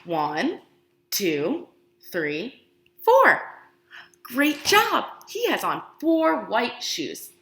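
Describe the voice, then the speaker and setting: A woman teacher reads a picture book aloud to young children in an expressive, exaggerated, encouraging way, asking them questions and pausing for their answers. Her voice is a little high and gravelly, and the sound is roomy.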